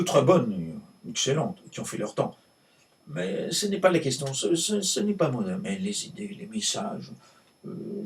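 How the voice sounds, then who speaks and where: A world-weary, cantankerous male novelist, played by a man on stage holds forth in a creaky voice. The delivery is hammy and theatrical, halting and repeating itself before leaning hard on key words. The microphone sits some distance away. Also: medium pitch. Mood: dismissive. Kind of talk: theatrical monologue performed in a conversational ramble.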